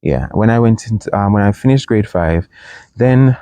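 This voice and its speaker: A young man, reserved and halting, co-hosting a casual chat and recalling his schooling. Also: lowish voice, lively intonation, mellow, clear, resonant tone, dry recording. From Jamaica. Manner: reserved, halting with many ums. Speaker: co-host of a couple's channel.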